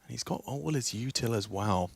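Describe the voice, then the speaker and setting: A man's voice: mid-range voice, animated, normal speed, creaky, slight background noise. A man giving live esports commentary as a play-by-play caster, in clipped running phrases.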